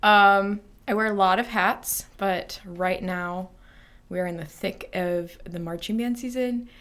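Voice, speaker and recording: A woman's voice: medium pitch, slow pace, a bit bright. A young woman in her twenties from the American Midwest chats casually as a podcast guest. Her voice sits in the middle range. She talks in a loose, slightly scattered way. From Midwestern United States. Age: 20s. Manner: chatty, a bit scattered. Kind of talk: casual chat.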